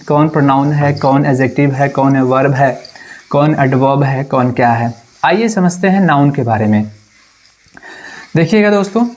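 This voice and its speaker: A male teacher giving a grammar lesson, asking rhetorical questions and answering them himself, repeating key words slowly. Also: on the high side, darkish tone. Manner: repeats each word slowly and deliberately. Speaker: English teacher.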